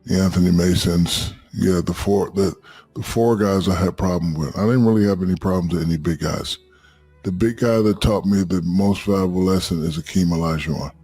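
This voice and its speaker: A man's voice: sits low, fairly even intonation, brisk, mellow, slightly rough, faint music behind. A man in his fifties, a podcast guest, telling rambling anecdotes in casual chat and swearing freely. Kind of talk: casual storytelling.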